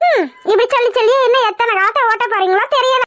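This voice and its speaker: A woman voices a plotting village mother in a cartoon, sneering and menacing as she talks. The voice sits very high. It is recorded close and dry. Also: fast, a bit bright, no room sound. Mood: scheming. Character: scheming middle-aged mother, spiteful and plotting.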